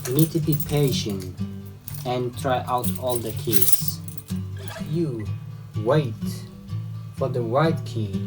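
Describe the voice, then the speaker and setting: A man giving a slow, reflective spoken narration, measured and building an image step by step. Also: mid-range voice. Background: guitar music.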